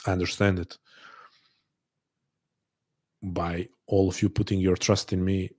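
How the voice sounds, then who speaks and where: Deep, flat, husky man musing aloud. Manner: halting, repeats words and restarts phrases often; earnest, thoughtful. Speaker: host of a live online call. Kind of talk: reflective live talk to an audience.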